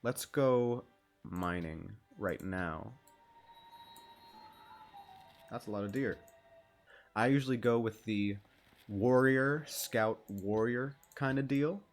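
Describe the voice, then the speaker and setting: A man's voice: mid-range voice, takes it slowly, faint music behind. Laid-back, foul-mouthed gamer guy. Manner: laid-back, swears freely, self-deprecating. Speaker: gaming channel host. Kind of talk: casual gameplay commentary.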